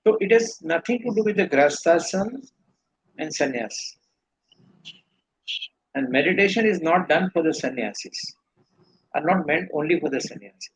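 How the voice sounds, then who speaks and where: Husky Indian man teaching spirituality. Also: a little high, expressive, normal speed, pauses often, rough recording. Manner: earnest, rambling explanations with restarts. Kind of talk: live Q&A teaching.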